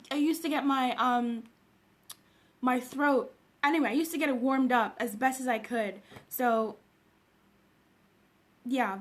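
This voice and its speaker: This livestream host is a woman from Zambia who just woke up, chatting casually with her viewers, calling out their names and laughing often. She has a high-pitched, fairly bright voice.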